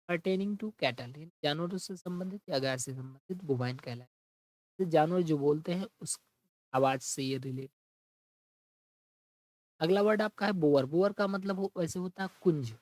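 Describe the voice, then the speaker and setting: A man teaching an English vocabulary lesson, explaining each word in Hindi and reading the English definitions slowly. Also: high-pitched, dry recording, low-quality recording. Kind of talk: exam-prep vocabulary lesson.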